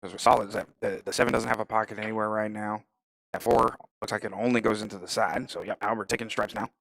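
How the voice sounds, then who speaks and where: A man's voice: on the low side, steady tone, fast talker, vocal fry, a bit bright, no echo, low-quality recording. A man giving casual live play-by-play of a pool match, thinking aloud about shot choices. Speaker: pool commentator.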